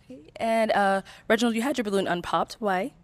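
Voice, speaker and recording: A young woman hosts a dating game on a bright studio set, talking into a handheld mic in a brisk, casual way. Her voice sits mid-range and the sound is dry and close. She laughs easily between her questions. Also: mid-range voice, no echo. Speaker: dating show host. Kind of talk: casual hosting banter.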